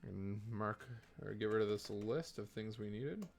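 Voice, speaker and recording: A man's voice: on the low side, expressive, a little slow, vocal fry, darkish tone, soft background music. A man streaming a video game, chatting casually and rambling, often correcting himself mid-sentence. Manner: rambling, self-correcting, laid-back. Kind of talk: casual live-stream chat while trading in a game.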